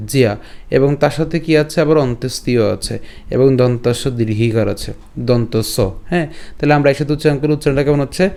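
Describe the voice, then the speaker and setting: A man with a Bengali accent leads a scripture lesson, breaking Sanskrit words into slow, careful syllables. His voice is warm and mellow, with a smooth, resonant tone. He keeps asking how each word should sound, then answers it himself. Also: medium pitch. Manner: slow, syllable-by-syllable Sanskrit pronunciation drills with rhetorical questions. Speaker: Gita teacher. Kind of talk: recitation lesson.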